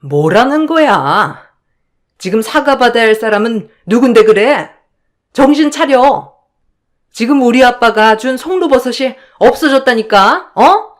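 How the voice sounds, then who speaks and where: A woman voicing an arrogant, scornful sister-in-law in a storybook drama, who keeps shouting accusations of theft. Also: fairly high pitch, animated, unhurried, pitched above the performer's own voice. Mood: scornful, shrill.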